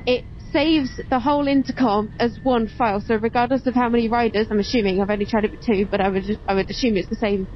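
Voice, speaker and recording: A motovlogging woman rides on open roads, talking quickly with hardly any pauses in a fairly high, steady voice. She chats casually and explains things, her helmet intercom mic muffled by engine and road noise.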